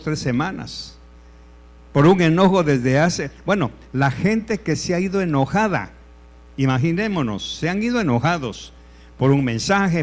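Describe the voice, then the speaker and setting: A male pastor preaching a sermon, repeating his points emphatically and swinging between loud and hushed delivery. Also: a little high. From El Salvador.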